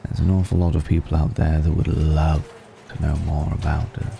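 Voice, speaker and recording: An audio roleplay performer plays a suave, secretive, courteous vampire noble in an intimate ASMR piece, speaking in a gravelly, rumbling low murmur with a level, mellow tone. Heavily acted, his delivery is courteous and cautionary, with measured, hesitant pauses and genteel teasing, over a slight hiss or hum.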